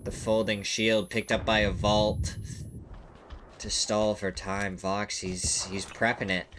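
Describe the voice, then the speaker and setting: A man commentating live on a video game match with a congested, blocked-nose sound, excitable when the action peaks. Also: slow pace, background noise. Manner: excitable, voice leaps high and loud at big moments. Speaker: esports commentator.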